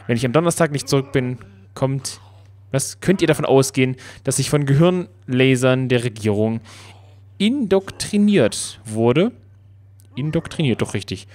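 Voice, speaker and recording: Male Let's Play commentator, playful and chatty, mid-pitched voice. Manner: playful, excitable, talks to the game. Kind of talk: casual gameplay commentary.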